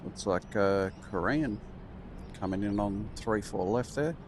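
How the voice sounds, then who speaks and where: A man's voice: lowish voice, a little slow, a little hiss or hum. An Australian man giving casual, easygoing and slightly hesitant commentary as a livestream host.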